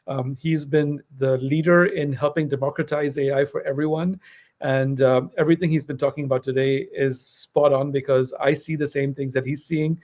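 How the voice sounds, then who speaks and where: A man's voice: on the high side, steady tone, moderate pace, darkish tone. A man hosting a podcast interview, wrapping up with generous praise and frequent "um" fillers. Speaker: podcast host. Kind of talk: interview conversation.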